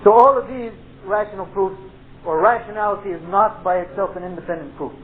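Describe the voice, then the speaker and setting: A man lectures informally as an Islamic studies teacher, explaining point by point with frequent checks and Arabic terms. His voice is high, on a thin phone-like tape with faint noise. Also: a little fast. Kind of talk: informal lecture with question and answer.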